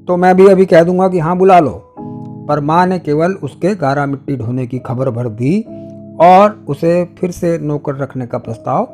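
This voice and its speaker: A man reading a short story aloud, in a measured, expressive storytelling manner. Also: on the high side. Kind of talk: scripted story narration. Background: faint guitar music.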